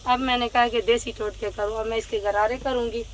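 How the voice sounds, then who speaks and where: Lady vlogging chores outside in the fog, bit high voice, sore throat, faint birds and outdoor hum behind. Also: little pitch movement, fairly quick. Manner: chatty, explaining each step, often says "jo hai na". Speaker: village family vlogger. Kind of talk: casual narration of household chores. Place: outdoor village courtyard in fog and wind.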